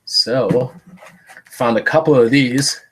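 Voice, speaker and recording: This rough recording from a live-stream setup carries a little hiss or hum. A man with a mid-range, somewhat bright but stuffy voice rambles slowly about his thrift finds while streaming a haul, full of fillers and self-deprecating humor.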